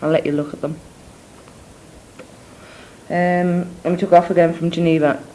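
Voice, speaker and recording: A young woman, her accent part Scouse and part Scottish, rambles with ums and asides through a spoken cassette letter to her family. Her lowish voice is mellow and level at a moderate pace. The indoor cassette or dictaphone recording is rough, with a little hiss or hum.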